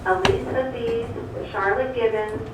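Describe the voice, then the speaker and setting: A woman reads the morning announcements over a school intercom in a formal, steady manner, going down a list. Her voice comes out of a loudspeaker and booms around the room, heard from well off the mic. Classroom noise sits clearly underneath. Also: unhurried, heavy reverb, far from the mic, rough recording. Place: school office, heard through a classroom speaker.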